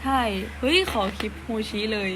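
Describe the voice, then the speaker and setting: A woman casually chatting on a livestream, telling stories in an animated, giggly way. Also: moderate pace, noisy background. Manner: animated storytelling, giggly, exclaiming. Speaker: idol livestream host.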